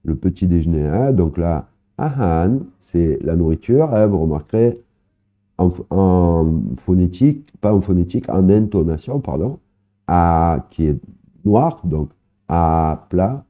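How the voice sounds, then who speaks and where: A Thai language teacher with a very low voice and lively intonation explains vocabulary in a casual online lesson. He goes slowly, often hesitating, repeating words and examples and adding little "hein"s. The sound is narrow and tinny, like a phone line.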